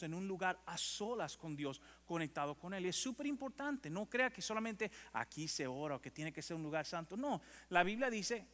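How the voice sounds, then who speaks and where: A pastor preaches in a fairly high voice that rings out with long hall reverb. He moves between easy, conversational asides to his congregation and loud, animated readings of scripture. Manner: conversational, asks the congregation if they are with him. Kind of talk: sermon.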